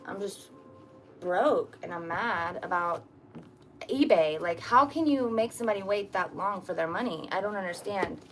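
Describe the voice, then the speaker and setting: A woman's voice: mid-range voice, expressive, normal speed, slight background noise. A young adult woman rambling frankly in a casual vlog at home, full of fillers and frustration. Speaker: vlogger.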